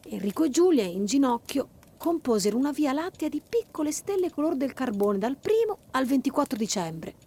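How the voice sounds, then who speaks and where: Lively woman reading a children's story. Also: high voice, moderate pace, few pauses, breathy edge. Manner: warm, lively, expressive.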